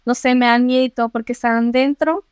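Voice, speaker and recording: A young Mexican woman co-hosting a podcast, telling a story in casual, slangy, animated chat. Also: on the high side, normal speed, clear, resonant tone, no room sound, clean studio sound. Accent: Mexican Spanish. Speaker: podcast co-host.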